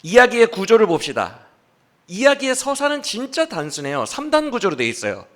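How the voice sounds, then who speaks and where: A male pastor preaching a sermon at a church service, animated and asking the congregation questions as he acts out the speaker's complaints. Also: high-pitched, a little fast.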